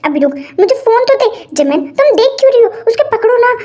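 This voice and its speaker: A woman voicing a hot-tempered young woman who stammers and scolds loudly in a fan audio story. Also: extremely high pitch, very animated, fairly quick, voice pushed up. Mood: bossy. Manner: shouty, stammering, indignant.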